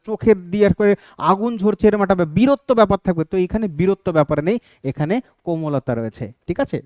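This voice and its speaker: A man's voice: high voice, darkish tone, no echo, studio quality. A man teaching an exam-prep lesson, explaining step by step and often checking in with his students. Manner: explains step by step, keeps asking "ঠিক আছে?".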